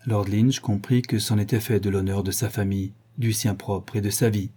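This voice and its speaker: A man narrating a classic novel as an audiobook in a measured, expressive way. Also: on the low side, husky.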